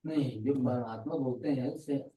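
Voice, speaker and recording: A man's voice: mid-range voice, normal speed, dark tone, far from the mic. Hesitant man speaking from off-mic. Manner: hesitant, searching for words. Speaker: class participant. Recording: roomy, from off-mic.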